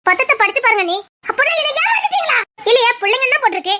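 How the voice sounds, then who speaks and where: A woman's voice: extremely high pitch, very fast, pushed and bright. A woman voicing an emotional, devoted young village wife in a cartoon, pleading and tearful, with a Tirunelveli Tamil accent. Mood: indignant. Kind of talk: cartoon voice acting.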